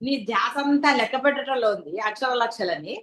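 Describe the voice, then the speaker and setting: A woman's voice: fairly high pitch, expressive, fairly quick, a bit bright, rough recording. A woman with a Telugu accent giving a devotional discourse as a spiritual teacher, asking her listeners rhetorical questions.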